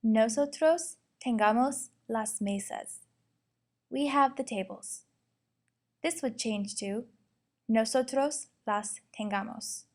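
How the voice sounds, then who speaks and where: Young woman, instructional narration, slow, careful, slightly high voice. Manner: slow, careful reading of examples. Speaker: student presenter.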